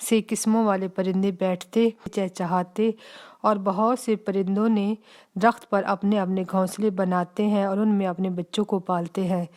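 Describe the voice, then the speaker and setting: Woman narrating a children's story. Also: medium pitch.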